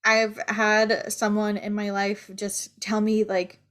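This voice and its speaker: A woman's voice: mid-range voice, completely flat delivery, slow pace, fairly bright tone. A woman co-hosting a podcast in candid, casual chat, swearing now and then. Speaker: podcast co-host.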